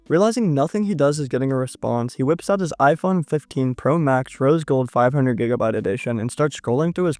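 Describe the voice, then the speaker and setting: A man's voice: medium pitch, a little mellow, no echo. A young man reading a scripted manga chapter recap in a casual, slangy way with joking asides.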